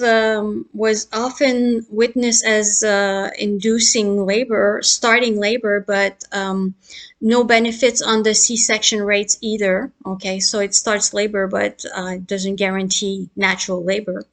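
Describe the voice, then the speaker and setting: A woman's voice: medium pitch, a bit bright. A middle-aged woman obstetrician giving a casual explanatory talk, chatty, with many fillers and laughs between points.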